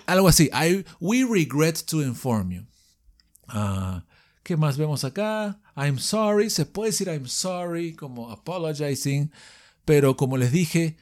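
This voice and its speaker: A man from Peru with a Peruvian Spanish accent, teaching English phrases in a podcast lesson and often checking in with his listeners. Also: a little high.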